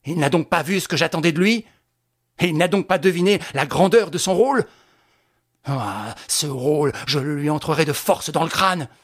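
A man's voice: fairly high pitch, slow, pauses often. Lupin, a man voicing a furious, sneering thief. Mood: raging. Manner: shouting, sneering laughter. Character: raging, mocking male gentleman thief. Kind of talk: audiobook character voice.

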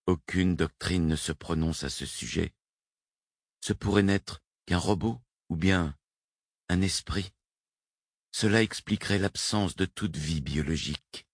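A man reading the lines of a devout male cosmonaut, earnest and steady in his conviction. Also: deep voice, measured pace, dry recording, clean studio sound.

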